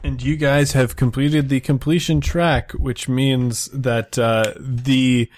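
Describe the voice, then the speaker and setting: A man's voice: mid-range voice, fairly even intonation, slow, darkish tone. A man acting as game master, narrating a tabletop game in a casual, conversational way.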